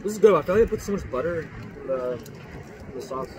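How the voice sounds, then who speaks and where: A man's voice: on the high side, animated, quick pace. A man chatting casually in a food review, talking while chewing, laid-back and slangy. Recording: noisy traffic outdoors.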